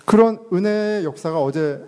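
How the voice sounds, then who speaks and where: A man's voice: sits high, normal speed, mellow, clear, resonant tone. A man in his thirties, a father and pastor, preaching a sermon in a chatty way and putting questions to the congregation. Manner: conversational, asks the congregation questions.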